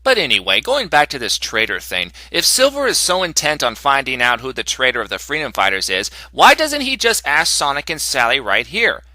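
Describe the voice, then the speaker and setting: A man's voice: mid-range voice, sing-song, fairly quick, few pauses, sharp tone, no room sound. A man doing a sarcastic comic review voice-over, snarky and exasperated, mocking the story as he goes.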